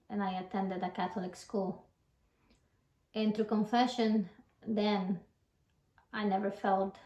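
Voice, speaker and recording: A woman from Ecuador gives a personal faith testimony in an earnest, devout, halting way. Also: medium pitch, darkish tone. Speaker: church member giving testimony. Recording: echoey room.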